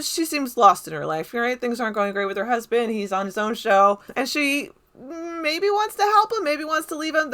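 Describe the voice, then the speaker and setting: Reviewing a film as a video essayist, a woman speaks at a medium pitch with a slightly bright voice. Her commentary is casual and unscripted, enthusiastic and conversational, wandering as she goes.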